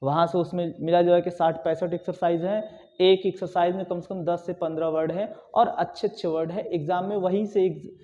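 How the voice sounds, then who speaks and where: A man's voice: high voice, fairly even intonation, a little fast, dark tone. A man teaching a classroom lecture, urging students in a repetitive, conversational way. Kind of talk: classroom lecture on exam preparation. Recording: dull lo-fi sound with long reverb.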